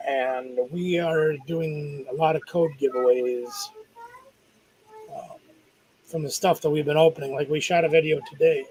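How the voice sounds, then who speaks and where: A man's voice: a little high, steady tone, measured pace, a little mellow, poor audio. A middle-aged man co-hosting a live stream, chatting casually with an easygoing, joking manner. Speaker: co-host.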